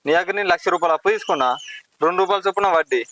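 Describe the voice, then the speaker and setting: A man with a Telangana Telugu accent playing a young village postman who pleads, defends himself and gets angry quickly. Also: high voice, a bit bright, a little hiss or hum, low-quality recording. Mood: indignant. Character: young male village postman, anxious about honour. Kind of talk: village drama acting.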